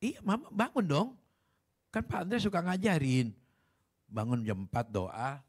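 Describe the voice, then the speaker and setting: A man's voice: fairly high pitch, expressive, unhurried, husky. A man doing a bossy, cheerful mother. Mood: brisk, cheerful. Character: excited middle-aged mother waking her daughter.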